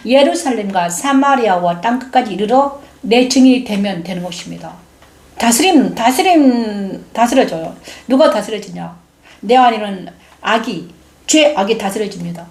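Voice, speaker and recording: A middle-aged woman giving an emphatic, animated sermon testimony, acting out quotes as she tells her story. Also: medium pitch, reverberant.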